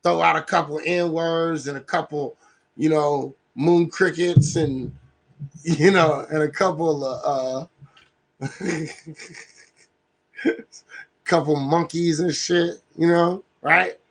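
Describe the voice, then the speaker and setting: A man on his livestream talks slowly in a high, gravelly voice, rambling through a profane plan. He keeps checking in with his listeners, and a husky rasp runs under his words. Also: steady tone. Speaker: livestream host. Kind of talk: casual livestream rant.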